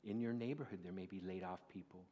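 A male guest preacher giving a sermon in a church, asking the congregation questions and rising to loud, high declaiming when he quotes scripture. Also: fast. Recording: dull lo-fi recording.

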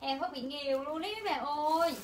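A woman's voice: high voice, a little fast, slight background noise. A young woman, chatting nonstop and pushing deals to viewers on a live clothing sales stream. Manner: chatty, pushy, addresses viewers constantly. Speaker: livestream clothing seller. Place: indoors, home shop.

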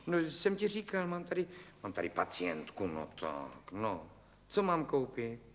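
A man's voice: medium pitch, huge pitch swings. A man playing a fussy, stammering psychiatrist who is henpecked at home, in a television comedy sketch. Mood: exasperated. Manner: fussy, stammering, repeating "ano". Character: harried male psychiatrist, henpecked husband. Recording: reverberant studio, live audience laughing.

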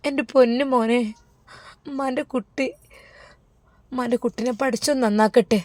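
A woman with a Malappuram accent voicing an emotional, doting mother in a soft, affectionate, higher voice. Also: measured pace, no room sound, lightly acted. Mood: tearful. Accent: Malappuram Malayalam.

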